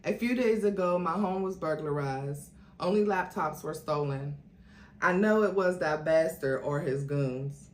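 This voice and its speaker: This woman's voice sits low and keeps a measured pace while she reads a story aloud with host-like theatrical drama, acting out what the characters say. The sound is echoey, with faint noise.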